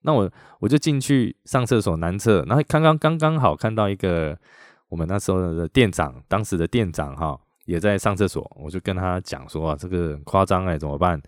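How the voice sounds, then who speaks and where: Middle-aged taiwanese guy on his podcast, chatty animated storytelling, low voice. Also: fairly quick, no room sound, clean studio sound. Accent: Taiwanese Mandarin. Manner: animated, chatty retelling with Taiwanese words mixed in. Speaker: podcast host.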